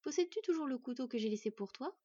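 A woman voicing a gentle dying elf mother who speaks softly and tenderly in a storybook reading. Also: high voice, animated, fast talker, breathy edge, dry recording, lo-fi sound. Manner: soft, tender, sing-song.

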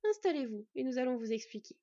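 A woman's voice: high voice, animated, quick pace, dark tone, dull audio. A woman voicing a tired, devoted female wolf who speaks in a pained tone.

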